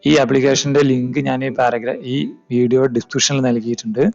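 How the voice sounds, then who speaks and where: A male teacher works through an exam paper, reading slowly and then explaining quickly with questions for pupils. His voice sits at a middle pitch. The recording is a little dull, with faint music underneath. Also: level tone, creaky, a little mellow. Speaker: Arabic teacher. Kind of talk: exam paper walkthrough lesson. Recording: slightly dull audio with faint background music.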